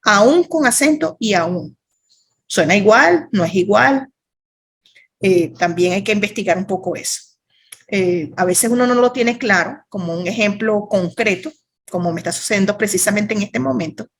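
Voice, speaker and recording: A woman's voice: medium pitch, moderate pace, a little hiss or hum. A woman with a Venezuelan accent teaching a writing workshop over a video call, chatty and playful, with asides to her students.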